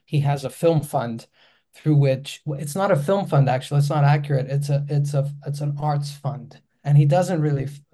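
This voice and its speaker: A man's voice: fairly high pitch, moderate pace, warm tone. A Greek-accented man in his forties, a filmmaker guest in an interview, speaking hesitantly with many restarts. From Greece.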